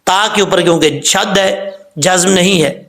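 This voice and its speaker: A man with a Pakistani accent teaches Quran recitation, explaining things quickly and then slowly drawing out the recited words and their spellings. His voice sits high and has a fairly bright tone.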